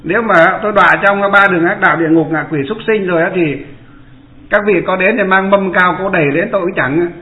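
A Buddhist monk gives a dharma talk, posing rhetorical questions to his listeners. His voice sits high and he talks fast, with the sound coming through an echoey room over a tinny line.

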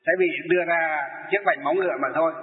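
A man's voice: fairly high pitch, fast. A male Buddhist monk giving a sermon, posing questions and answering them himself. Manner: rhetorical questions he answers himself, lively storytelling. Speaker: Buddhist monk teaching lay followers. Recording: echoey hall through a tinny narrow line.

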